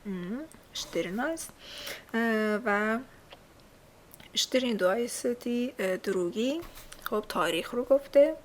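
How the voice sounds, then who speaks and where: A woman's voice: on the high side, long pauses, slight background noise. A woman with a Persian accent teaching a language lesson from a textbook. She explains things patiently and uses many fillers. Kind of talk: casual recorded lesson reading a textbook.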